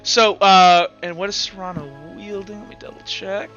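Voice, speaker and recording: Narrating a tabletop roleplaying game as game master, a man talks casually, thinks aloud and swears freely in a high, steady voice at a moderate pace. Background music plays under a dull, lo-fi recording.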